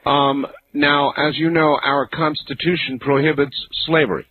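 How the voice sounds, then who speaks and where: A man hosts a late-night call-in radio show, and he takes his callers on in a relaxed, wry way. His voice comes through the narrow band of an old AM broadcast. A faint hiss sits under it. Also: a little high, a little slow. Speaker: radio talk show host.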